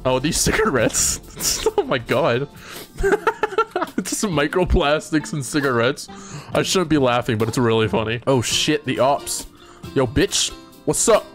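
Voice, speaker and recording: A man giving excitable, profane commentary while playing a video game. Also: medium pitch, normal speed, faint music behind. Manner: excitable, profane, laughing often. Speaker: gamer. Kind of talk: casual let's-play commentary.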